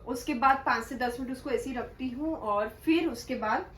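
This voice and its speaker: A woman's voice: high-pitched, normal speed, a bit bright. Chatty young woman vlogging in an echoey room. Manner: chatty, addresses viewers directly. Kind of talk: casual vlog talk to camera. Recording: echoey room, voice a bit far from the mic, faint background hum.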